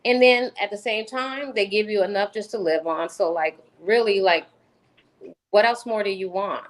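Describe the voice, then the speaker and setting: A woman's voice: mid-range voice, moderate pace, low-quality recording. Emphatic woman in casual chat. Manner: emphatic, repeats herself. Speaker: podcast co-host.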